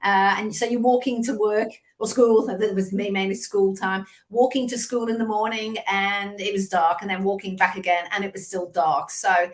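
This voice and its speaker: A fiftysomething sales coach from England with a Liverpool accent talks at normal speed with few pauses, her pitch medium. Guesting on a casual video call interview, she's a chatty storyteller with lively asides.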